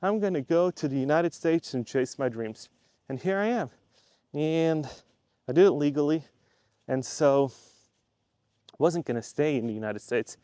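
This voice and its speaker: A Swiss YouTube creator chats casually to camera, rambling and returning to the same point repeatedly for emphasis. His voice is slightly higher than most men's, with a dark tone, normal speed and long pauses. The recording is dry and close, with no room echo.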